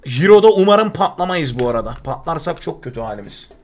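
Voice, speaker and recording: A young man streaming a survival game live, chatting with viewers and yelping in excitable bursts of panic as he plays. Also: fairly high pitch, quick pace, a little hiss or hum. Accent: Turkish. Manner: excitable, yelps and repeats words when panicking. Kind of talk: live gameplay commentary.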